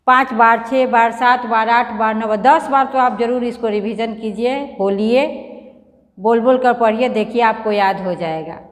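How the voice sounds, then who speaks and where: Slow, patient woman teaching children. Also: a little high, big-room sound. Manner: patient, sounds words out syllable by syllable; coaxing, calls pupils "beta". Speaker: Hindi teacher. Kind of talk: children's language lesson.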